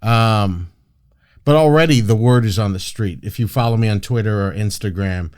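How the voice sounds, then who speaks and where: A man's voice: lowish voice, normal speed, darkish tone, clear, resonant tone. A man hosting a casual podcast, brash and profane, rambling with frequent restarts and fillers. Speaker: podcast host.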